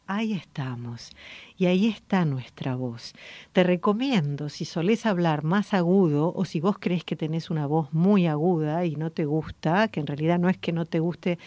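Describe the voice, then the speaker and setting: A woman with a Rioplatense Spanish accent, hosting a radio voice lesson in a calm, slow, guiding way. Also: lowish voice, no echo. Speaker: voice coach and radio host. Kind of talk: gentle voice-coaching lesson. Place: radio studio.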